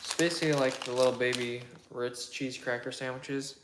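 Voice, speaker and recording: A young man hosting a casual question-and-answer chat from his home kitchen, relaxed and rambling with lots of fillers and hedges. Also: medium pitch, a little fast, background noise. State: voice partly worn from shouting days before. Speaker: channel host answering viewer questions.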